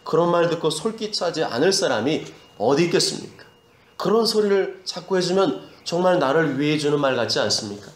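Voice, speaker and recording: A man's voice: a little high, lively intonation, brisk, reverberant. A man preaching an expository sermon as pastor, emphatic, repeating his exhortations and mimicking grumbling believers.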